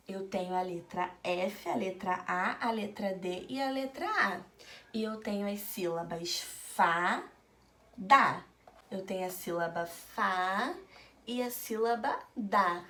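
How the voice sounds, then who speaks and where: Slow, sing-song woman teaching children. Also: medium pitch. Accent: Brazilian Portuguese. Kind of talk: children's reading lesson.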